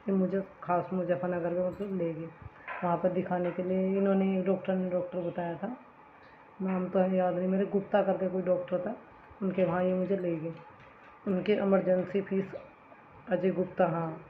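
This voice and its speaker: A woman's voice: fairly low pitch, slight background noise. A young village woman tells her story to the camera in a casual vlog. Her voice stays level and runs over the same points again and again. The sound comes through a tinny, phone-like channel in an echoey room at home. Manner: repetitive, earnest retelling in a flat, steady tone. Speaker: village vlogger.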